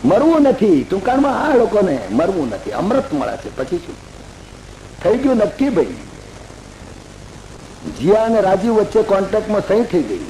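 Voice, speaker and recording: A man giving a religious discourse as a lively folk story, acting out the characters' lines. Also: high-pitched, moderate pace, long pauses, reverberant, slight background noise, low-quality recording. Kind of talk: Bhagavata discourse retold in folksy everyday terms.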